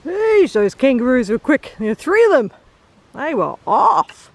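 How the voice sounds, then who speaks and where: Very animated and a little slow, a high-pitched woman with a mild New Zealand accent talks to her camera while hiking a bush trail. Laughter comes often in this casual vlog narration, and a faint hiss or hum can be heard.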